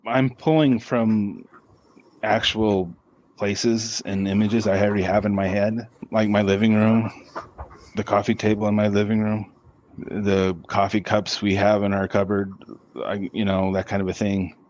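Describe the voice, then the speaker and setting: A man's voice: on the low side, level tone, a little mellow, lo-fi sound. A man, a podcast guest, answering interview questions casually, often stopping and restarting his words. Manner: halting, with many restarts and repeated words.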